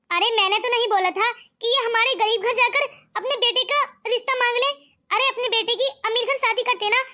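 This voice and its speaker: A woman's voice: extremely high pitch, sharp tone. A woman voicing a hurt, defensive young daughter-in-law from a poor family in a cartoon. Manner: aggrieved, defensive. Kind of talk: cartoon voice acting.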